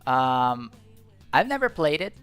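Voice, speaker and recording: Speaking slowly in a smooth, mid-range voice that is a bit bright and sing-song, a young Brazilian man casually narrates the game he's streaming. He's a native Portuguese speaker with a Brazilian Portuguese accent who rambles, thinks aloud and restarts often, with soft background music.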